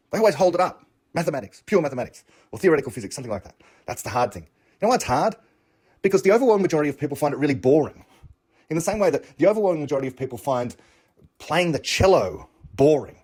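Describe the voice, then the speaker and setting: Here a husky, darkish, medium-pitched male voice with an English accent muses on learning and understanding without a script. He reasons his way through the topic reflectively and argumentatively, leaning on rhetorical questions.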